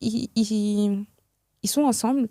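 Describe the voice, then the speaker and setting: Young woman guest, reflective and hesitant, mellow timbre, dry close sound. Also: medium pitch, slow, no room sound. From France. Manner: reflective, hesitant, many fillers and restarts. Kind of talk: casual podcast conversation.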